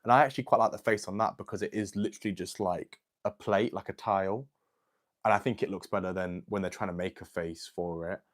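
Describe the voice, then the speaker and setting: On his casual livestream, an eighteen-year-old guy responds to viewer comments and chats on and on, saying "like" and "um" a lot. He talks at a brisk pace in a low, steady voice.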